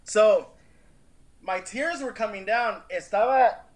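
Guy telling his story on a podcast, earnest, kinda high voice, slow and restarting a lot. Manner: earnest, emphatic, stumbling restarts. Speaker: interview guest, real estate agent. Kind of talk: personal storytelling in a podcast interview.

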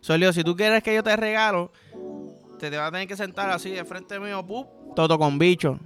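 Guy putting on a sleazy old santa, coaxing, crude slang, high bright voice. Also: normal speed, soft background music. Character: lewd, pushy old male Santa Claus.

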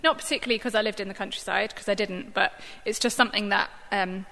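A woman with a bright, clear voice gives a gentle Bible reflection in a relaxed, conversational way, pausing often to find her words. Her voice rings out with a long hall reverb around it. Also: medium pitch. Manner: conversational, thoughtful, many fillers. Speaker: church staff member giving a Bible reflection. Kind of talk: informal sermon reflection.

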